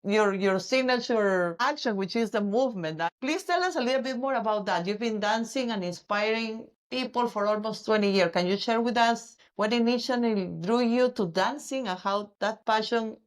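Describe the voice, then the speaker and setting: A woman's voice: on the high side, moderate pace, hardly any pauses. A woman from Peru, a podcast host, asks questions and affirms her guest, with small restarts in her sentences. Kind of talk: podcast interview.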